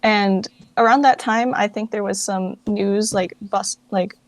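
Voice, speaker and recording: The founder of a fan dub project chats casually as an interview guest, her phrasing informal, hesitant and full of "like." Her voice is medium-pitched and steady at a measured pace, with no room sound.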